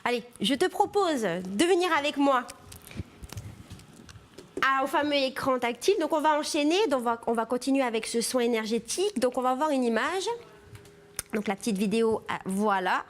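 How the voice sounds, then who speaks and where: A woman's voice: sits high, animated, moderate pace. A woman hosting an interview, leading the talk with short prompts and questions. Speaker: interview host.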